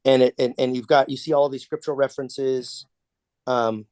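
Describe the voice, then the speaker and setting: A man's voice: mid-range voice, fairly even intonation, moderate pace, darkish tone, no room sound. Man teaching a class over a video call. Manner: conversational, with frequent restarts and repeated words.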